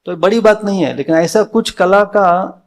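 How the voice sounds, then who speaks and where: A man's voice: sits high, normal speed. A man with an Indian accent giving a devotional Sunday sermon in a temple hall, mixing in English words and asking his listeners questions that he answers himself. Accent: Indian, mixing Hindi with English words. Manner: asks the audience questions and answers them himself.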